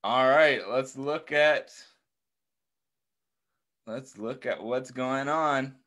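Over a video call, a middle-aged American man hosts children's story time, reading a picture book aloud and encouraging the young listeners with questions and praise. His medium-pitched voice is bright and forceful, with drawn-out words.

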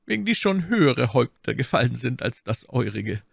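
A man putting on a stern old cardinal in a storybook reading, his voice lifted well above the reader's own and rough with gravel. He speaks slowly and deliberately, with a cold, commanding menace, in a dry, close sound. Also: mid-range voice, very animated, no echo, pitched above the performer's own voice, full character voice. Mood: stern, imperious. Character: stern, imperious older male cardinal. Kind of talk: audiobook character voice.

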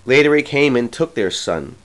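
A man reciting a comic verse poem with a slow, theatrical, rhythmic delivery. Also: medium pitch, lively intonation, low-quality recording. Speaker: poetry reader. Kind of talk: dramatic poetry recitation.

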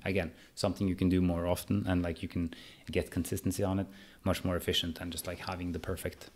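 Brief: deep male podcast co-host, handstand coach, hesitant and searching for words. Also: level tone, quick pace, a little hiss or hum. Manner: hesitant, restarts often while thinking aloud. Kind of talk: casual podcast conversation.

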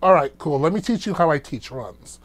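A man's voice: a little high, lively intonation, moderate pace, soft background music. A man working as a vocal coach, reacting to clips and explaining singing techniques in an easygoing teaching manner. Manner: explanatory, demonstrates vocal techniques with sounds and laughs. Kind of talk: reaction video commentary.

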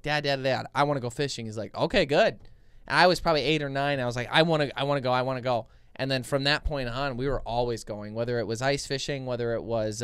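A young man co-hosting a podcast, telling stories in a relaxed, animated way. He speaks into a boom mic in a small foam-lined studio. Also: clear, resonant tone, dry recording. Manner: animated, gestures with his hands while telling stories. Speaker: podcast co-host. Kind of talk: casual storytelling chat. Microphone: boom mic with headphones.

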